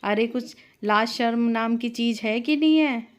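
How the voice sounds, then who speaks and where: A woman playing a sneering, sharp-tongued sister-in-law. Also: a little high, a little slow, natural voice. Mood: mocking. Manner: mocking, sneering.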